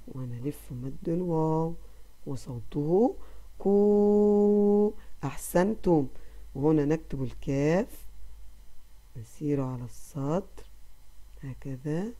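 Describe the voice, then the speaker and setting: A woman teaching a recorded lesson to small children. Her voice is mellow and warm and sits a little low. She praises them gently and stretches out sounds for them to repeat. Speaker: kindergarten Arabic teacher.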